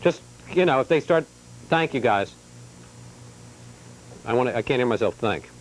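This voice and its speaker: A man's voice: mid-range voice, animated, normal speed, a little hiss or hum, poor audio. A male TV news correspondent rehearsing his piece to camera for a raw feed, repeating his lines and cursing at his own slips. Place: remote location.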